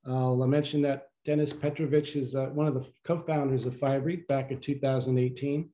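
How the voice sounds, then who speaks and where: A man moderating an online workshop, introducing the next speaker in a relaxed way with some hesitant fillers. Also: mid-range voice, a little fast, slight background noise.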